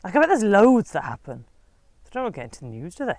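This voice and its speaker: Woman from Britain, co-host, giggly storytelling, lively swooping voice, dry close sound. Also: mid-range voice, quick pace, dry recording. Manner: giggly, laughs while telling stories. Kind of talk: casual chat.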